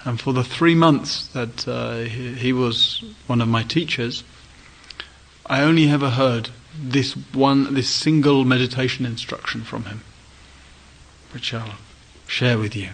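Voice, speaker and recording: A male meditation teacher giving a dharma talk at a retreat, speaking gently in short, inviting phrases with pauses. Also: mid-range voice, low-quality recording.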